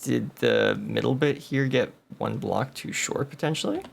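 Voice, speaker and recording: A man talks through his gameplay at an unhurried pace, his voice a bit gravelly. He thinks aloud and mutters coordinates and counts as he goes. It sounds like relaxed, casual play commentary. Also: mid-range voice. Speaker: game video host.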